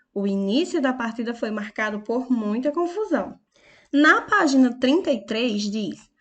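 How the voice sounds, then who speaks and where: A woman with a Brazilian Portuguese accent, teaching a recorded lesson for young children, slowly stressing each word to show its strong syllable. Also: on the high side, fairly bright tone. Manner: slow, careful, stresses words syllable by syllable. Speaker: primary school teacher.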